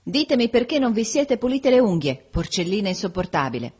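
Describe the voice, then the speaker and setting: A cruel, nagging schoolteacher, voiced by a woman narrating a storybook, barks corrections in a raised, strained voice. The husky grain of the reader stays under each sharp command. She never lets up on her pupil. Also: medium pitch, very animated, a little fast, pitched above the performer's own voice. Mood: scolding. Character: harsh stern woman schoolteacher, scolding.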